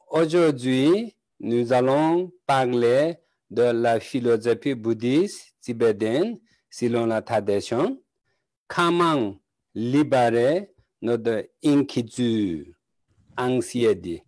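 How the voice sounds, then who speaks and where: A man with a Tibetan accent gives a calm Buddhist teaching at an unhurried pace, piecing his words together in short, halting phrases. His voice is mid-pitched and recorded close and dry, with no room sound around it. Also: no room sound. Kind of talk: slow teaching talk in broken French.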